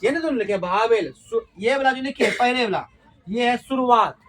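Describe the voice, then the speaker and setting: A male teacher with a high voice leads a classroom grammar lesson. He keeps asking the class questions and repeats each key word back to them. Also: moderate pace, a bit bright. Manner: call-and-response questioning, repeats key words.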